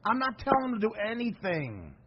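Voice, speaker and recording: A man's voice: high-pitched, wildly swooping pitch, a little fast, crowd noise. Podcast host guy ribbing his guest, swoopy voice, kinda muffled. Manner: teasing, laughing often. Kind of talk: casual podcast chat.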